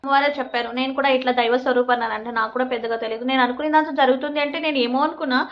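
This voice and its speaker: A woman's voice: high-pitched, fairly even intonation, racing, dull audio. A woman vlogger in casual talk to camera, rambling and making earnest, pleading appeals.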